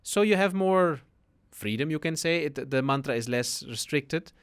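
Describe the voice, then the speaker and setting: A man's voice: on the high side, animated, moderate pace, clear, resonant tone. A man, a guest spiritual teacher explaining things patiently on a podcast, often tagging his sentences with a questioning "no?". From Netherlands.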